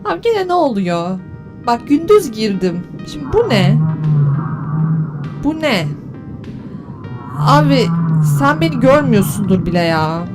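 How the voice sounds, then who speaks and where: A woman hosting a gaming channel, giving let's play commentary as she swears and bickers at the creatures on screen, switching to teasing mock flattery. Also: on the high side, measured pace, pauses often, loud music behind the voice. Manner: exasperated, cursing and bantering at the game's creatures.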